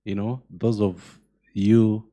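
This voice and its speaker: A man who is a judge, answering a panel question in a measured, hesitant way. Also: on the low side, steady tone, mellow.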